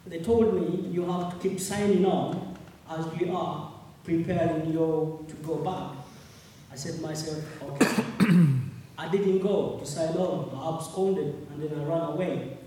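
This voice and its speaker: A man from Uganda, in his thirties, giving earnest, halting personal testimony at a public meeting and repeating words as he goes. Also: on the high side, warm tone, a little hiss or hum. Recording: echoey hall from far off.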